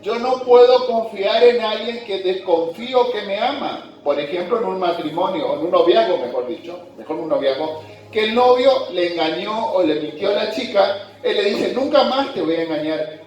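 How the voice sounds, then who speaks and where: High-voiced preacher in an echoey hall. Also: male voice, lively intonation, darkish tone. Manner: conversational, asks the congregation if they follow; reads scripture aloud slowly. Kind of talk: sermon. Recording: very echoey hall, distant mic, dull sound, faint music.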